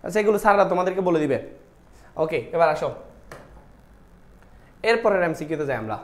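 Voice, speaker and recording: A man's voice: on the high side, expressive, fast. A man teaching a live online class, talking straight to the students and answering his own questions. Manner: talks to students directly, repeats "dekho" often; asks questions and answers them himself. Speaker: online Bangla admission-test teacher. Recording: echoey room.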